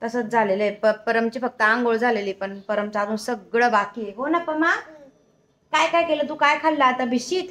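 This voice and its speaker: A woman's voice: fairly high pitch, moderate pace, fairly bright tone. A mother filming a casual home vlog in her bedroom, chatting to her small son in a sing-song baby-talk way. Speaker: mother and vlogger.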